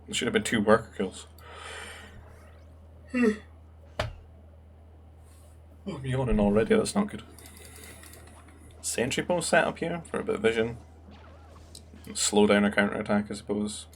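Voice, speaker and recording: A man's voice: fairly low pitch, moderate pace, pauses often, a little hiss or hum. A young man commentating a strategy game match in a casual, musing way, thinking aloud with fillers. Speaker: game caster.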